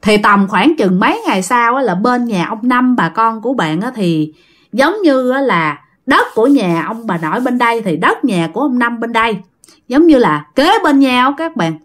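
A woman telling a family ghost story in a chatty way, talking straight to her listeners. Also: on the high side. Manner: chatty, addresses listeners directly, laughs.

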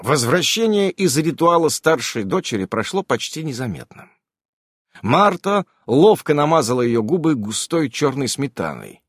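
A man narrating a fantasy audiobook in a lively, dramatic storytelling manner. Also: a little high, normal speed, breathy edge, no room sound, studio quality. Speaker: audiobook reader.

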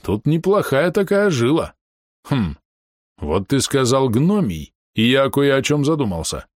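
A man plays a brooding half-orc warrior in an audiobook, blunt and grumbling. The voice sits a bit higher than the narrator's own and stays close and dry. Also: very animated, a little slow, no room sound. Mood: musing.

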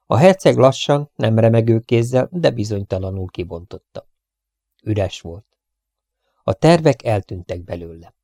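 A man narrating an audiobook in a calm, measured reading. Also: fairly low pitch, no room sound, studio quality.

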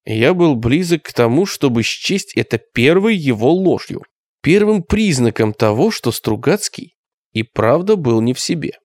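Man narrating an audiobook in lively tones. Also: mid-range voice, no room sound, studio quality. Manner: measured, tense storytelling. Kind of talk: scripted first-person narration.

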